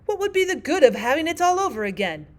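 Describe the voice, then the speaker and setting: Casting: a woman as a dotty old storybook queen, high-pitched, loud and bossy, with big melodic swoops. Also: big pitch swings, quick pace. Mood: brisk. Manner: loud, emphatic, exclamatory, bossy yet scatterbrained.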